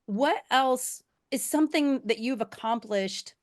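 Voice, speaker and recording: A woman's voice: high-pitched, a little slow. A woman hosting a podcast interview, talking in an encouraging, coaxing and emphatic way. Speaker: podcast host. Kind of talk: interview chat.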